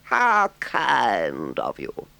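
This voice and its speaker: A man voicing a boastful, excitable toad gentleman in an audiobook, gushing with grand theatrical emphasis. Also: medium pitch, drawn-out words, vocal fry, no echo, pitched above the performer's own voice, exaggerated voice. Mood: overjoyed. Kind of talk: audiobook character voice.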